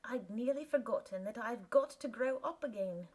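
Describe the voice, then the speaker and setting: A woman's voice: on the high side, normal speed, a little mellow, close to an everyday voice. Woman voicing a musing young girl.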